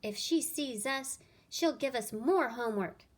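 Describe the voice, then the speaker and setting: A woman voicing excitable, mischievous young schoolchildren from a storybook, in an eager, exclaiming way. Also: sits high, a little slow. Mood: worried. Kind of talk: children's storybook character voice.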